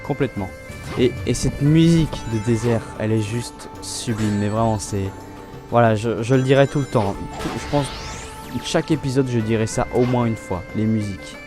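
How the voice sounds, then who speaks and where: Over music, a young man hosting a let's play talks about his gameplay at a moderate pace in a mid-range voice. He's casual and chatty and keeps restarting his sentences.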